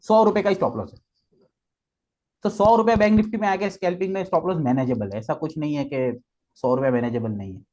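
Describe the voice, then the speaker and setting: A man's voice: fairly high pitch, brisk, darkish tone, rough recording. A man walking through trading charts step by step, mixing Hindi and English and checking in with frequent "okay"s. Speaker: trading guest expert. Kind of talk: explanatory chart walkthrough.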